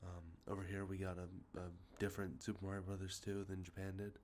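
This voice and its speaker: Outdoors beside traffic, a congested, sniffling ASMR host gives a soft show-and-tell of his video game collection. His low-pitched delivery is completely flat and quick, and he rambles, full of ums, uhs, and self-corrections. Slight background noise can be heard.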